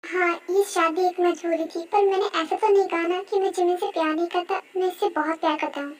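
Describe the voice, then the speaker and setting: A young woman playing a torn, guilty young husband, speaking low, hushed and placating, in a fan dub role-play. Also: brisk, faint music behind.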